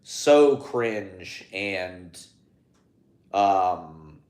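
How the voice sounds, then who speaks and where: A man who performs as a clown, speaking to his phone in a rambling casual monologue, halting, with many fillers and restarts. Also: low-pitched, expressive, a little mellow, echoey room.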